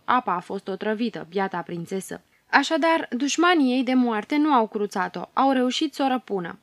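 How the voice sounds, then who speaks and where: A woman narrating a storybook in a measured, expressive way. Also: a little high, no room sound. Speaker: audiobook reader.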